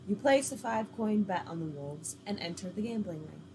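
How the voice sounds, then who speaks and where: A woman's voice: medium pitch, animated, brisk, background noise. A woman reading an interactive story game aloud, with casual, laughing asides.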